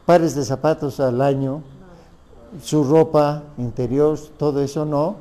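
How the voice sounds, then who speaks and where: A man's voice: sits high, dark tone, a little hiss or hum. A man with a Mexican Spanish accent giving a lecture on family law, asking the audience rhetorical questions.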